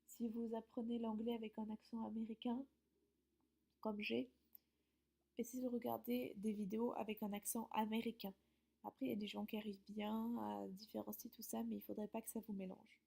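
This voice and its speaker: A woman English teacher explains study tips to her students in a friendly way, pausing now and then. Her voice is mellow and husky, with a gravelly edge. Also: a little high, level tone. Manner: friendly, explanatory, some hesitations. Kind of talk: giving study tips to camera.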